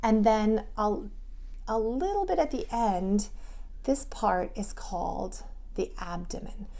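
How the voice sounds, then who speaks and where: Slow and mellow, with a gravelly mid-range voice, a preschool teacher addresses small children. Her simple, guiding phrases suit an expressive picture-book reading or a kids' drawing lesson.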